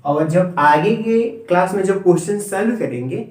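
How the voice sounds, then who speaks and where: A man's voice: high voice, animated, normal speed, darkish tone. A man teaching a classroom maths lesson, repeating and spelling out terms letter by letter for his students. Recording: echoey room, voice far from mic.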